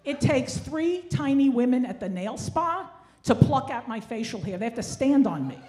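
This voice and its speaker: A woman in her sixties performs stand-up in a somewhat high voice. She complains wryly and at her own expense, with a Yiddish-inflected turn to her delivery. It is a live stage recording on a handheld mic, with clear background noise. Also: very animated, moderate pace, mellow. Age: 60s. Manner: wry, self-deprecating complaining. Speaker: stand-up comedian. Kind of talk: stand-up comedy routine. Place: theatre stage, indoors. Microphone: handheld stage microphone.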